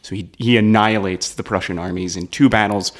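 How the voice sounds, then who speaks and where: A man's voice: fairly low pitch, steady tone, brisk. A man telling a history story on a comedy podcast, casual, often checking in with "right?". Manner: explains with "right?" asides, laughs at the jokes.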